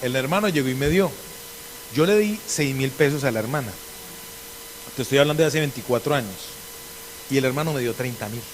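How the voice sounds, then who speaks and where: A middle-aged pastor, a man from Colombia with an Antioquian accent, preaching a lively sermon and acting out conversations in different voices. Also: medium pitch, brisk, long pauses, a little hiss or hum. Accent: Antioquian Colombian Spanish.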